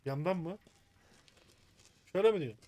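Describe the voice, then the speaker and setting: A man's voice: sits high, moderate pace, mellow, no echo. A man commentating his own video game play, muttering to himself in frustration as he works through a puzzle. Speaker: gaming streamer.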